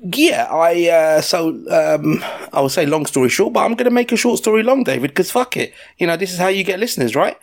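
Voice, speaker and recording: A British man in his forties chatting as a podcast host, telling personal stories in a sweary, halting, digressive way. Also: sits high, expressive. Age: 40s. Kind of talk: casual personal chat and storytelling.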